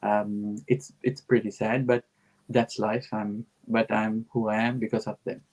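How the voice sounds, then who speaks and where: A man's voice: fairly low pitch, flat delivery, a little slow, a little mellow, low-quality recording. A middle-aged man from Sri Lanka, a guest giving earnest, reflective answers in a conversational interview.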